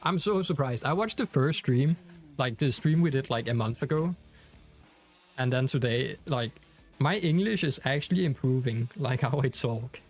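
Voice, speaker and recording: Soft music plays behind a young Danish-accented streamer whose medium-pitched voice is animated and moderately paced. He chats casually with his audience, reading the chat aloud and peppering his talk with fillers and restarts.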